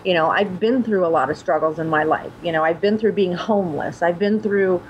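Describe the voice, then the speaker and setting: A woman's voice: fairly low pitch, a little fast, lo-fi sound, slight background noise. A woman in her forties, a guest on a video call from home, talking openly and earnestly about her life. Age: 40s. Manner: open, earnest, agreeable. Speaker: guest streamer. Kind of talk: casual video-call chat. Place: home room indoors. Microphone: laptop webcam mic on video call.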